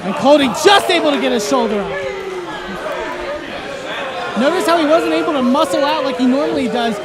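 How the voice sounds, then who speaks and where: A man doing live play-by-play as a wrestling commentator, excitably calling out each move. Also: extremely high pitch, a little fast. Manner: excitable, exclamatory calls of the action. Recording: loud crowd noise behind. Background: loud arena crowd.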